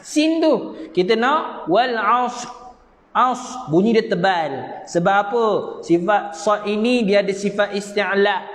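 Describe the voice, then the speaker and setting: High-voiced Malaysian Quran teacher, echoing hall. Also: male voice. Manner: repetitive, earnest drilling with chanted recitation examples. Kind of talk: online Quran reading lesson.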